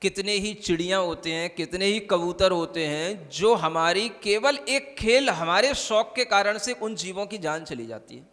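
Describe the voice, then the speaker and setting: A man's voice: high-pitched, lively intonation, unhurried, few pauses, fairly bright tone. A man, a monk, giving a conversational sermon and often checking that listeners follow. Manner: conversational preaching, keeps asking "समझ आ रहा है?". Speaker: Jain monk. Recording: long hall reverb.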